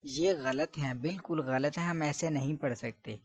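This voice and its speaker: A man's voice: fairly high pitch, very animated, creaky. A man teaching letter pronunciation, correcting common mistakes and stretching each sound long. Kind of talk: recitation lesson.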